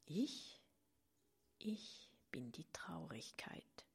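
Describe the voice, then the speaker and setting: A woman voicing the frail grey spirit of sadness, who speaks in a hoarse, halting whisper and sounds mistrustful. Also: lowish voice, animated, darkish tone, exaggerated voice. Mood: whispering, hesitant.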